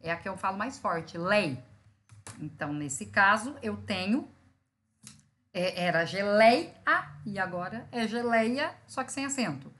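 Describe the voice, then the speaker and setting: A woman teacher giving a recorded grammar lesson, explaining step by step, checking in with her students and sounding out syllables slowly for emphasis. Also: mid-range voice, animated, pushed and bright.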